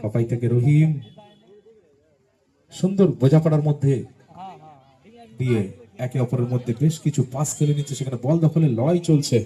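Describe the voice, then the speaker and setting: A man giving excitable live football play-by-play, calling passes in short bursts. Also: on the high side, moderate pace, pauses often. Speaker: football match commentator. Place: outdoors at a local football ground.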